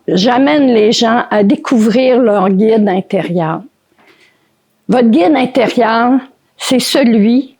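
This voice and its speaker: An older woman with a Québécois French accent addresses a live audience in a slow, deliberate inspirational talk. Her voice sits a little high, and she leans on emphatic repetition to drive her points home. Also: darkish tone. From Quebec. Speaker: conference speaker and author. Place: conference in France.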